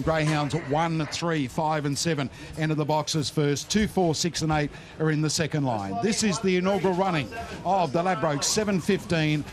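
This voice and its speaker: An Australian man hosting greyhound racing coverage and giving form and picks like a betting tipster. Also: a little high. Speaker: racing broadcast host and tipster.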